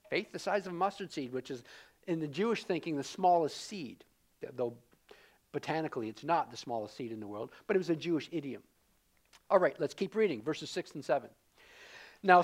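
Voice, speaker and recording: A man teaching a casual Bible class who repeats his key points and speaks straight to the people in front of him. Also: high-pitched.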